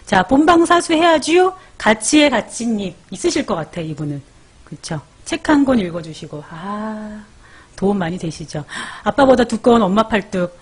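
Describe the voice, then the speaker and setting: Husky woman hosting a chatty live stream. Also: mid-range voice, expressive, moderate pace. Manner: chatty, calls out viewer names, gives parenting tips. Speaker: live-stream host and baby sleep coach. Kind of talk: live-stream chat reading viewer comments.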